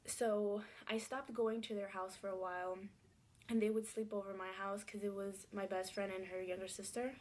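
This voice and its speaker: A woman telling a personal story in a soft, hesitant way, sometimes dropping to a near-whisper. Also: mid-range voice, level tone, moderate pace.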